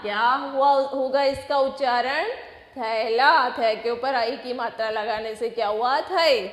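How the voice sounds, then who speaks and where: A woman teacher with a high voice gives a class lesson, sounding out syllables one by one and putting questions to the children that she answers herself. The sound is echoey, with a long reverb trailing after her words. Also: takes it slowly. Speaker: primary school teacher. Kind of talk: slow recorded class lesson.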